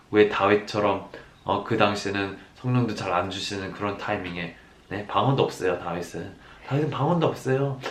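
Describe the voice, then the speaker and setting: A man preaches with great animation, his pitch leaping and falling as he repeats key phrases. His delivery swings between loud declarations and hushed asides. The room gives his voice a noticeable echo. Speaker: pastor. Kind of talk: sermon.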